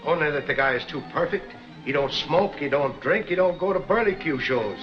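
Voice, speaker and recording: A wisecracking, slangy newspaper reporter, played by a man, talks fast with a lively swing. The 1940s soundtrack is dull and lo-fi. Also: fairly high pitch, music in the background, close to an everyday voice. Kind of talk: 1940s film serial acting.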